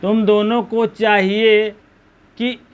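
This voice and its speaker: A man teaching a Sanskrit play for exam preparation, repeating key phrases slowly and stressing each word as he explains the lines. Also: sits high, flat delivery, clear, resonant tone.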